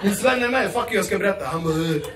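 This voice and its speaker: A man performing stand-up comedy on stage, animated and acting out his relatives in loud, shouting voices. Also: high-pitched, over a noisy crowd, heavy background noise. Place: theatre stage before a live audience. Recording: roomy live stage sound from a distance, loud laughing audience.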